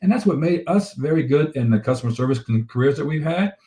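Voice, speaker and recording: A man, a relationship coach, talking fast and energetically in a casual conversation about relationships. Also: fairly high pitch, lively intonation, warm tone, roomy sound. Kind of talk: casual conversational talk show.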